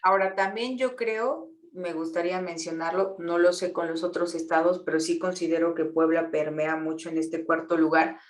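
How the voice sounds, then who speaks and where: A woman with a Mexican accent, an activist earnestly explaining things to students, often pausing with fillers and repeated words. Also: on the low side, steady tone, reverberant. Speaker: guest speaker, feminist activist.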